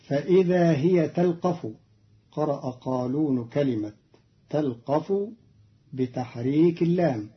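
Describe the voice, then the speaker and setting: A man teaching the variant Quranic readings, explaining each one in a measured way and chanting the quoted verses slowly. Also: on the high side, highs cut off. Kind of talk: scripted lesson on Quranic readings.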